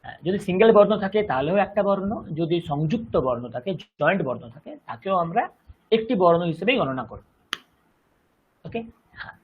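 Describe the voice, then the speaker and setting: A man with a Bengali accent teaching a Sanskrit lesson, speaking slowly and deliberately and chanting verses syllable by syllable. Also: sits high, animated, narrow, tinny audio, slight background noise. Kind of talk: online language lesson.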